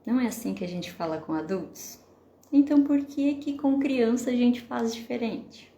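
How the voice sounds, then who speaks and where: A woman therapist with a Brazilian Portuguese accent, hosting a live stream. She explains calmly and keeps checking in with the viewers with questions. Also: a little high, moderate pace, roomy sound. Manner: explanatory, asks the audience questions, frequent "né?".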